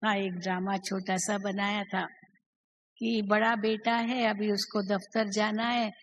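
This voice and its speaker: A woman's voice: mid-range voice, little pitch movement, unhurried, a little hiss or hum, rough recording. A woman teaching a spiritual class, asking her listeners many questions and acting out the quoted speech.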